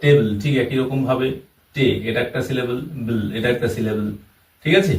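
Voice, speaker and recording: Male teacher giving a slow, repetitive lesson, recorded from a distance in a reverberant room. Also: medium pitch, fairly even intonation. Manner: slow, step-by-step, repeats terms and examples. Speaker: English teacher. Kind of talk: classroom-style lesson explanation. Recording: roomy echo, voice from far off the mic.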